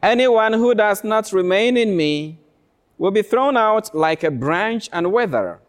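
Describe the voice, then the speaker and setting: A man speaking as a priest to his congregation, reading scripture in a measured, deliberate way. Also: high-pitched, expressive, smooth. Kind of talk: solemn Gospel reading and address to a congregation.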